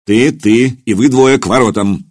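A man voicing a gruff older centurion who bellows his orders. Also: medium pitch, moderate pace, darkish tone, dry recording, studio quality, lightly acted.

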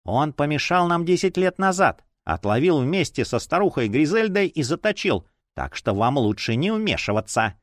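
A man's voice: fairly high pitch, very animated, normal speed, hardly any pauses, dry recording, clean studio sound. A man voicing a predatory living playing card that speaks gleefully and hungrily for its deck in an audiobook. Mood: menacing.

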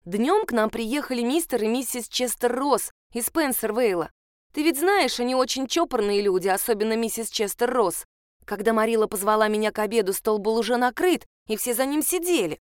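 A high, breathless girl pours out every feeling in a rush of theatrical words, as a woman reader puts her on. Her voice is smooth and clear, recorded close and dry. She gushes and pleads like a storybook heroine. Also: dry recording, close to an everyday voice. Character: imaginative excitable girl, dramatic and chatty.

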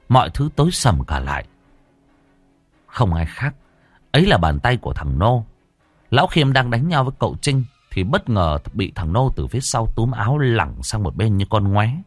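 A man's voice: lowish voice, no echo. A man narrating a dramatic audiobook story.

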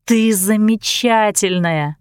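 A woman's voice: medium pitch, lively intonation, normal speed, no echo, clean studio sound, lightly acted. Woman reading as an earnest, apologetic best friend. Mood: tender. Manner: earnest, pleading confession. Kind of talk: audiobook character voice.

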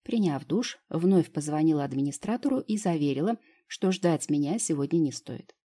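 A woman's voice: low-pitched, animated, moderate pace, mellow. A woman narrating a first-person novel as an audiobook, in a wry, ironic way.

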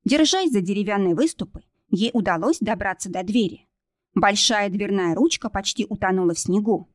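A woman's voice: medium pitch, expressive, normal speed, no room sound, clean studio sound. A woman reading a novel aloud as narrator, in a tense, dramatic storytelling manner. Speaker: audiobook narrator.

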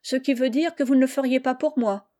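Storybook: a woman playing a sulky, haughty little girl, curt and disdainful, mellow dark tone. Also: high voice, a little fast, voice pushed up, lightly acted. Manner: sharp, disdainful retorts. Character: haughty spoiled young girl, sulky and proud. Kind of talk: audiobook character reading.

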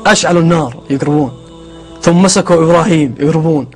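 A man's voice: a little high, very fast, faint music behind. A man giving a sermon, telling the stories with animation and asking rhetorical questions. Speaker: preacher. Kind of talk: sermon-style lecture.

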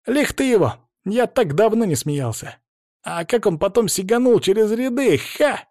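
A man's voice: sits high, expressive, normal speed, a little mellow, dry recording, clean studio sound, voice pushed up. A man voicing a ragged, cheeky young street boy who talks in eager, boyish exclamations. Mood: gleeful.

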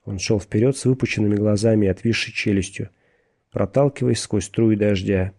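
A man narrates a thriller audiobook in a measured, steady way. His voice is low and gravelly, with a dark, mellow tone.

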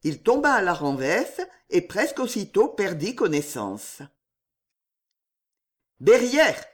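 A reader narrating an audiobook in a slow, expressive storytelling manner. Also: medium pitch.

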